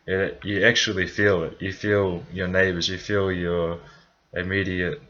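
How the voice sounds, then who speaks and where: A man's voice: low-pitched, level tone, a little slow, bright, forceful tone, muffled recording. A young man from New Zealand with a New Zealand accent, casually telling his own story in a vlog, rambling with many fillers and self-corrections.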